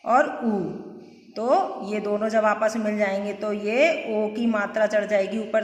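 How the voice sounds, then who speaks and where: A woman teacher giving a grammar lesson, explaining step by step and asking the class questions as she goes. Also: mid-range voice. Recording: echoey room with long reverb.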